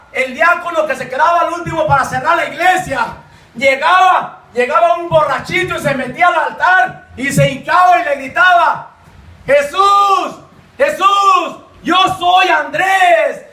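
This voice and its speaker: A man preaching a fervent sermon in church, often shouting and repeating phrases. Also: very high-pitched, recorded from a distance. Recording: echoey hall, voice from off the mic.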